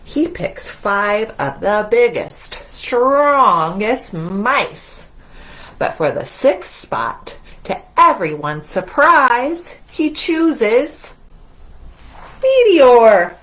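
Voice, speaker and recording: In a fairly high, fairly bright sing-song voice, a woman children's librarian speaks very slowly to young children. She leads an encouraging storytime that includes movement and reading aloud.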